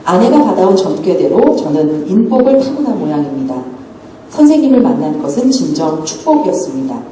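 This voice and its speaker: A woman's voice: lowish voice, a little fast, slight background noise. A woman hosting a book talk, reading a passage aloud expressively. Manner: expressive, attentive, brief backchannels. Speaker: event host and reader. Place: event hall. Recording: echoey hall recorded from far off.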